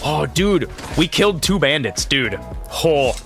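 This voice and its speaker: A gaming video creator and streamer in his thirties gives casual, rambling gameplay commentary, full of slang, exclamations, and frequent "dude"s. His slightly high, fairly bright voice swings widely in pitch at a measured pace over soft background music.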